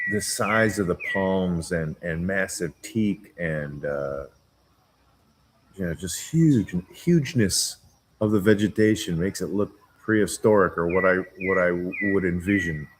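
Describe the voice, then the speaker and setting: Deep-voiced, giggly, rambling man. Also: a little hiss or hum. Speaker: vlogger. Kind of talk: casual chat. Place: outdoors on a jungle farm.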